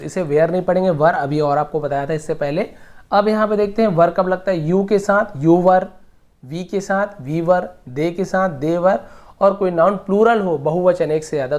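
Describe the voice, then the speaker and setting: A man teaching English grammar, patiently repeating each example slowly word by word. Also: on the high side, darkish tone. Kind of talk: explaining grammar lesson.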